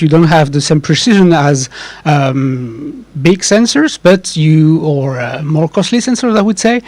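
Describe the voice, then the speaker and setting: A man's voice: on the high side, dark tone, no room sound. A man presenting his research group's work at a conference, hesitant and repeating words as he searches for them. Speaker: researcher and professor.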